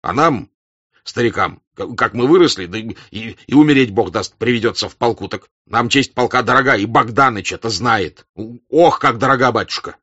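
A man playing a gruff old hussar captain. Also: mid-range voice, normal speed, bright, forceful tone, highs cut off. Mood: impassioned. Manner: scolding, emphatic, fatherly. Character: gruff older male hussar staff-captain, stern, honest.

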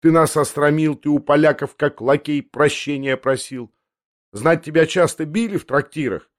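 A man speaks in a slightly high voice, pitched above his natural register, at a normal pace in a dry, clean studio recording. He plays a proud, defiant teenager with light acting, sounding challenging and indignant.

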